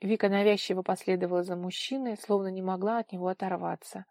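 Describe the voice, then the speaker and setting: A woman narrating a novel in a steady, expressive reading voice. Her pitch sits in the middle. The recording is close and dry, with no room sound. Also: quick pace, dry recording. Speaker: audiobook narrator. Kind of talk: scripted narration.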